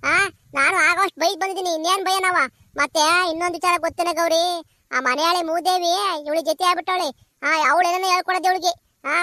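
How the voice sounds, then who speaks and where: A woman voicing a scolding, gossiping village grandmother in a cartoon, talking in a fast, nagging, dramatic way. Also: very high voice, pushed and bright, dry recording, studio quality.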